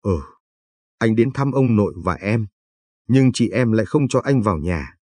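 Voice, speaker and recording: A man's voice: on the low side, expressive, normal speed, a little mellow, slightly rough, no echo. A man voicing a cheeky, carefree young village man in a told story, speaking in a teasing, playful way.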